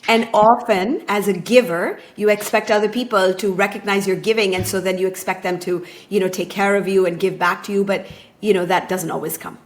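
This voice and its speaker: A woman in her thirties with a mid-range voice talks through her story as a podcast guest. She speaks in a thoughtful, measured way, sharing her coaching outlook and personal journey. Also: medium pitch, steady tone. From born in Taiwan, raised in Japan. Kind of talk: conversational podcast interview.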